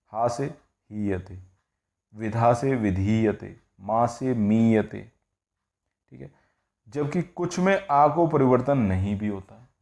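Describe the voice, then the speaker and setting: A man's voice: fairly low pitch, gravelly, darkish tone. A man teaching Sanskrit grammar, explaining rules step by step and often asking the class rhetorical questions. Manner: explanatory, repeats "ठीक है" and asks rhetorical questions. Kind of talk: classroom-style grammar lesson.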